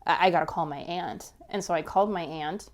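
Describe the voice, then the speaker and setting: A woman in her thirties, a podcast guest telling a personal story in a casual, animated way, laughing often and filling with "like". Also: fairly low pitch, fairly quick.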